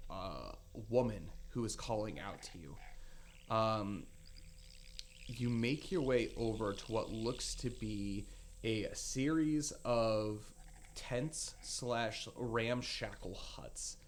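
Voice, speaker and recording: Man, game master, halting narration, many fillers, low voice. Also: slight background noise.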